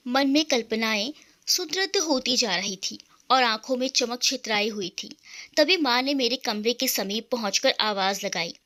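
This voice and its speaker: Woman storyteller, high pitch, bright tone, scripted narration, one voice for all characters. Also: lively intonation, a little slow. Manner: reads every character herself, in a male first-person narrator voice.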